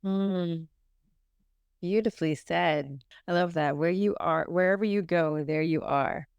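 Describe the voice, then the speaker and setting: A woman's voice: lowish voice, unhurried, creaky, darkish tone, smooth, no room sound, muffled recording. A woman hosting a podcast interview, upbeat and affirming. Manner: upbeat, affirming, laughs often. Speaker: podcast host.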